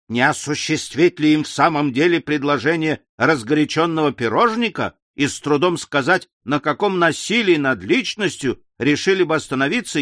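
A man narrating a comic classic novel as an audiobook, telling it with expressive energy. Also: fairly high pitch, no echo, studio quality. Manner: expressive, animated storytelling.

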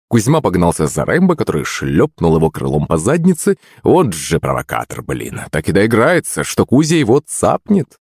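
A man narrating a first-person audiobook in a lively, wry storytelling manner. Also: fairly low pitch, slightly rough, no room sound, studio quality.

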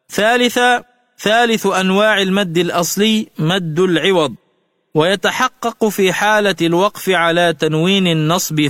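A man with a high voice gives a tajweed lesson for radio, explaining each rule in a measured way and drawing out the example words as he chants them. His voice is close and dry, with a long reverb tail behind it. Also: a bit bright. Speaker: Quran recitation teacher.

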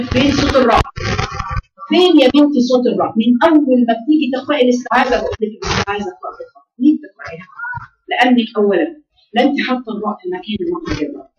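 A woman's voice: fairly high pitch, highs cut off. A woman with an Egyptian accent teaching a tajweed class, scolding and drilling her students on sounds. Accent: Egyptian Arabic. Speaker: Quran recitation teacher. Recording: roomy echo, voice from far off.

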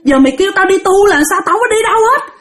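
Woman narrator doing a vengeful female ghost, lilt, piercing high voice. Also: animated, normal speed. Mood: furious. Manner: shrill, ranting, then wailing and pleading.

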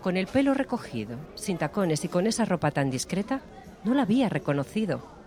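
A man narrating an audiobook in a steady, measured storytelling voice. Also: sits high, some chatter behind. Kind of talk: scripted narration.

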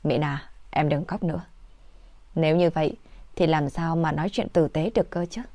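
A woman voicing a serious young male manager who answers in a steady, firm way. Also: low voice, normal speed, no room sound.

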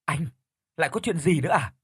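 A man voicing a gentle, caring middle-aged wife who speaks attentively to her husband. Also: a little high, animated, brisk, husky, voice pushed up, heavily acted. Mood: worried.

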